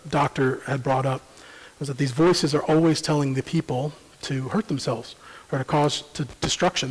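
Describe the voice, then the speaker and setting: A man presenting a parenting seminar in a church, explaining at a measured pace with frequent ums and uhs. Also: on the high side. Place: church sanctuary. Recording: long church hall reverb.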